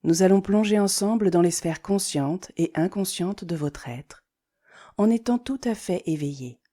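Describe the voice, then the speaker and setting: Speaking at a fairly low pitch, this woman leads yoga nidra, her instructions unhurried, calm and soothing, with pauses placed on purpose.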